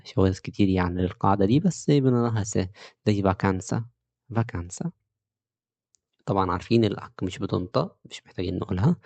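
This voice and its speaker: A man with an Egyptian Arabic accent teaching Italian pronunciation, explaining rules step by step and repeating example words slowly. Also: low-pitched, warm tone, dry recording. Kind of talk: pronunciation lesson.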